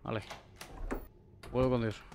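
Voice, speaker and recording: Spanish young gamer, loose sweary let's play talk, average pitch, game sounds heavy behind. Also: male voice, a little slow, noisy background. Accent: Spain. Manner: casual, swears a lot, excitable.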